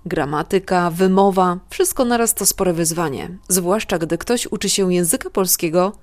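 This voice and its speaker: A woman's voice: on the low side, moderate pace, darkish tone. A woman narrating a scripted radio feature as the reporter.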